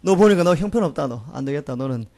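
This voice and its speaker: A man's voice: on the high side, lively intonation, fast, vocal fry, dark tone. A man voicing a scornful, accusing male Satan who needles the listener about guilt. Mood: scornful taunting.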